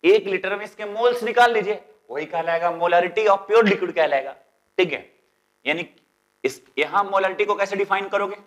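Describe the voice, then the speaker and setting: A male chemistry teacher with a Bihari Hindi accent gives a classroom lecture. He keeps asking his students rhetorical questions and drags out the English terms slowly. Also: high voice, fairly bright tone. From India.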